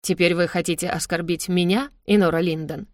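A woman's voice: lowish voice, fairly even intonation, a little fast, dry recording, clean studio sound, lightly acted. A woman voicing a reserved military major who speaks coldly and curtly. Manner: cold, curt.

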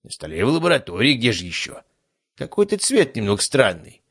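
A man voicing a calm senior doctor and mentor who speaks in a soothing, slightly ironic way. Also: medium pitch, fairly quick, husky, voice pushed up, full character voice.

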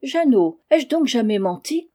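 A woman's voice: a little high, very animated, measured pace, voice pushed up. A woman reading aloud, voicing a naive sixteen-year-old flower girl in a lifted, lilting voice. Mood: lively. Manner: bright, lilting and eager.

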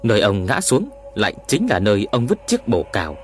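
A man narrating a horror story in a dramatic, expressive reading. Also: lowish voice, brisk, faint music behind.

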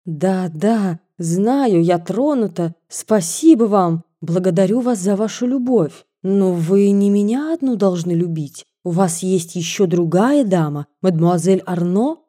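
Woman voicing a meek, gentle governess. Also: medium pitch, animated, unhurried, few pauses. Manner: soft, gentle, consoling. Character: gentle, meek German governess, tearful and kind.

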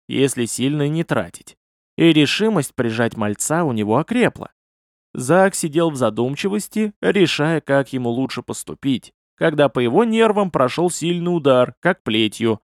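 A man narrating a fantasy audiobook in an expressive, lively reading style. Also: on the high side, dry recording, studio quality.

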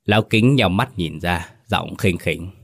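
A man's voice: low-pitched, unhurried, creaky, no room sound, studio quality. A man giving dramatic, scripted narration of a horror story.

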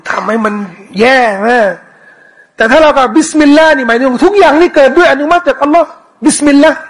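A man teaching a commentary lesson on scripture, answering questions in a casual way, repeating words and reciting verses slowly. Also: very high-pitched, poor audio. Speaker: Islamic teacher.

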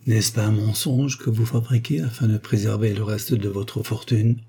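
Male reader doing a genial old-style doctor, calm, mellow husky voice. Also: lowish voice. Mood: measured. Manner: measured, good-humoured. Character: jovial learned male doctor.

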